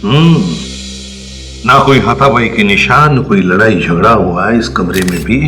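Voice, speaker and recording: An actor playing a police investigator examining a body, speaking in a measured, deliberating way. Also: male voice, on the low side, bright, forceful tone, faint music behind. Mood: thoughtful. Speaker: investigating officer. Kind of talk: TV crime drama acting.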